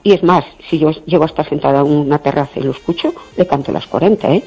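An older woman chatting casually, telling stories in an outspoken, indignant way and often clearing her throat. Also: sits low, quick pace, a little mellow. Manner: outspoken, indignant, acts out quoted dialogue. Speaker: guest in a conversation. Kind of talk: casual chat, storytelling. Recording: dull lo-fi recording, faint music behind.

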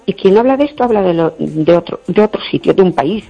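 An older woman chatting casually, telling stories in an outspoken, indignant way and often clearing her throat. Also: on the low side, expressive, quick pace. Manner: outspoken, indignant, acts out quoted dialogue. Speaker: guest in a conversation. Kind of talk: casual chat, storytelling. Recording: dull lo-fi recording, faint music behind.

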